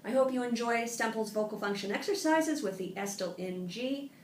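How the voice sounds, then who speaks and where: Woman voice therapist, calm instructional delivery, tablet recording in an echoey room. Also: fairly high pitch, moderate pace, recorded from a distance, a little hiss or hum. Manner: calm explanatory, demonstrates sung vocal sounds. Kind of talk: instructional voice exercise lesson. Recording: roomy tablet recording with faint ambience.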